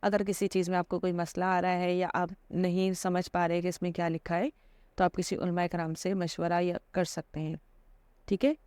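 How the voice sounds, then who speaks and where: Calm low-voiced woman teaching religion. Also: clean tone, no room sound. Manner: patient and explanatory, with many fillers and repeated "theek hai". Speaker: Islamic teacher. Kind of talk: informal religious lesson.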